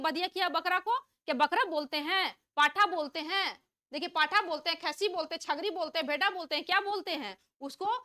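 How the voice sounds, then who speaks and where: A woman teacher runs an exam-prep vocabulary lesson in a high, bright voice. She reads out the answer options and asks each question twice before she gives the answer. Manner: reads out multiple-choice options.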